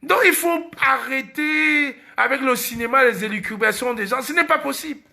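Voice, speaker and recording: A man's voice: very high-pitched, gravelly, pushed and bright. A man from Cameroon with a Cameroonian French accent, hosting a casual live stream and hammering his points home by repeating key phrases.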